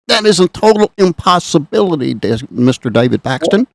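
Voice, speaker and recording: A man's voice: fairly high pitch, gravelly. A man co-hosting a Bible study show, laughing often and teasing his partner with playful doubt. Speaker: co-host. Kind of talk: casual chat on a Bible study broadcast.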